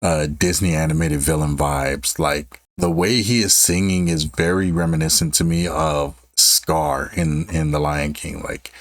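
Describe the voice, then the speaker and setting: A man's voice: very deep voice, steady tone, unhurried, few pauses, no echo. A man giving casual reaction commentary on music as a host, drawing out words for emphasis.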